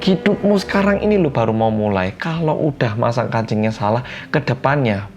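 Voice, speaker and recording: A man's voice: expressive, fairly quick, gravelly, faint music behind. A man voicing a worried, scolding middle-aged mother who frets and pleads in a raised voice. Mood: pleading. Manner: fretful, pleading, shrill when upset.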